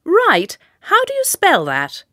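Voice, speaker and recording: A polite receptionist. Her voice is very high and swoops widely. She asks her questions slowly and politely. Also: huge pitch swings, pushed and bright, no room sound, studio quality, exaggerated voice. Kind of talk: scripted language-course dialogue.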